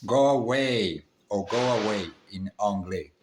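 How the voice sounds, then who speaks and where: A man practicing phrases aloud, repeating each one slowly and adding self-mocking dramatic asides. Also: lowish voice. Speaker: language learner.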